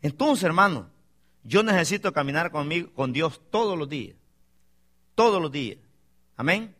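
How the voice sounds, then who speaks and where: A man's voice: a little high, lively intonation, moderate pace, pushed and bright. A man preaching a sermon as pastor, emphatic, often calling out for amens and asking the congregation questions.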